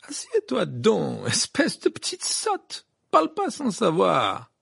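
A man's voice: on the high side, sing-song, normal speed, vocal fry, husky, dry recording, studio quality, full character voice. A man reading aloud and voicing a scheming middle-aged female gossip journalist with a gushing, falsely sweet manner. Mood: cold.

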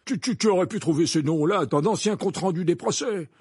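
A man's voice: high-pitched, fairly quick, a little mellow, husky, no echo, studio quality, voice pushed up. A man reading an audiobook, voicing a pompous, stubborn minister who stammers and repeats his words. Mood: indignant. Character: pompous flustered male minister, stubborn and defensive. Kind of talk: audiobook character voice.

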